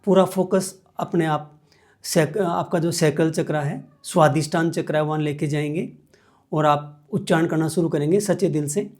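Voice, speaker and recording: A man's voice: on the high side, steady tone, moderate pace, darkish tone. A man teaching meditation as a guest, explaining each step patiently and repeating key points. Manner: patient, repetitive step-by-step instruction.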